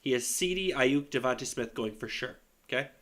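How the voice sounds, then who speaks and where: A man with a hoarse voice from illness, co-hosting a casual sports podcast, reading listener questions and laughing often. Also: medium pitch, animated, a little fast, fairly bright tone. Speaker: podcast co-host.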